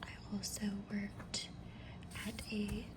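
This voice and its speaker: A woman speaking in a soft, breathy whisper in a casual ASMR chit-chat, halting as she goes. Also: mid-range voice, monotone. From Mohawk First Nation reserve in North America. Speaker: ASMR creator. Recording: clear background noise, pencil drawing sounds. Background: writing or drawing sounds, ambient noise.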